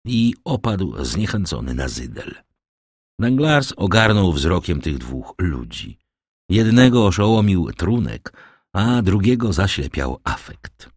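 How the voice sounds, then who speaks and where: Deep-voiced man reading a classic novel. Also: husky, no echo, clean studio sound. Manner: measured, expressive storytelling. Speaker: audiobook narrator.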